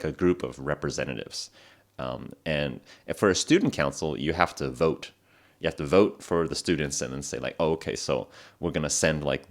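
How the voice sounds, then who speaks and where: Relaxed and meandering, this twenty-something podcaster works through stories for English learners, constantly restarting and correcting himself amid plenty of fillers. It's morning, so his voice sounds deeper than normal.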